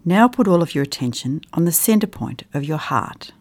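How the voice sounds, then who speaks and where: A medium-pitched meditation guide talks listeners through a session in a soothing, soft tone, pausing at length and now and then lowering to a whisper.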